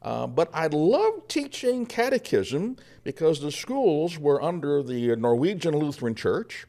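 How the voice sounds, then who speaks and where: Man doing a folksy 1800s Norwegian pastor, gravelly, lively pitch, humble. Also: measured pace. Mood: warm storytelling. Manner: folksy storytelling with frequent uh fillers and chuckles. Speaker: guest, historical reenactor. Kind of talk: first-person historical character portrayal.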